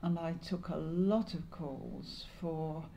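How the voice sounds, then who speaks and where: In an oral history interview, an English woman in her seventies or older from Lancashire in northwest England, a longtime community volunteer, looks back on her past. Her lowish voice is soft-edged, dark and creaky. She talks in a measured, halting way, pausing to remember, with a little noise in the background.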